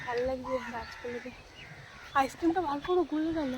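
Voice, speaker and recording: A woman's voice: sits high, brisk. A young woman, chatting directly to viewers in a casual vlog while out on sunny streets. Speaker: vlogger. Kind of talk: casual outdoor vlog chat. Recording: noisy outdoor phone recording.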